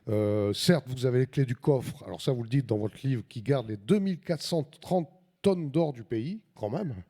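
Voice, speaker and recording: Dark-voiced man hosting an interview. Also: mid-range voice, moderate pace. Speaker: newspaper editor hosting a public interview. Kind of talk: live on-stage interview, informal.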